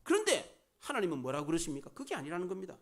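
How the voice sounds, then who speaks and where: Male pastor's sermon, very expressive pitch, many rhetorical questions. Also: very fast. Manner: rhetorical questions, dramatic rises and drops.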